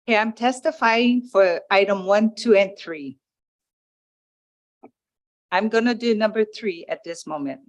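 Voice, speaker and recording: A woman from Hawaii with a medium-pitched voice gives public testimony in a county planning commission hearing room. She reads a prepared statement into a table microphone, halting over the legal wording.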